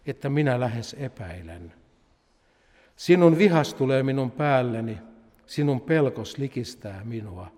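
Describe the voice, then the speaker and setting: Male preacher, measured solemn delivery, softly fading phrase ends, recorded with a long hall reverb. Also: medium pitch. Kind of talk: sermon with scripture reading.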